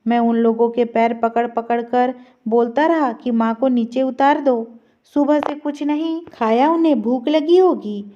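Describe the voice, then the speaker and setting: A woman storyteller narrating an emotional story in a steady, sorrowful reading style. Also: fairly high pitch, a little slow. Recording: slightly dull lo-fi recording.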